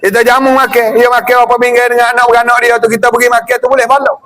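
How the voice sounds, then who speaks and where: A middle-aged man with a Patani Malay accent giving a lively religious lecture, acting out greetings and chuckling often. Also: extremely high pitch, racing. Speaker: religious teacher.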